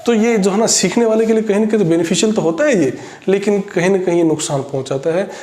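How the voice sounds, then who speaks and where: Male tutor, voice on the higher side, lectures in mixed Hindi and English, repeats each point and slows down for English terms; roomy echo. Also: darkish tone. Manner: slows right down for English phrases. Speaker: teacher. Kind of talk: exam-prep lecture mixing Hindi and English. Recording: echoey room.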